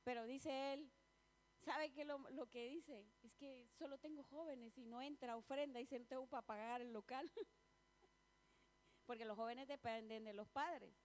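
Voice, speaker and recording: Speaking at a measured pace in a high-pitched voice, this woman delivers a church sermon that feels personal and conversational. She often poses questions to the congregation and laughs between her points.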